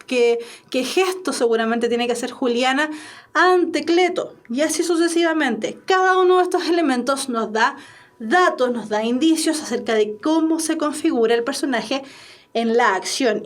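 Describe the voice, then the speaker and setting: Casting: Chilean woman teacher, high voice, chatty explainer. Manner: chatty, explaining with tag questions. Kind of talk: online exam-prep lesson.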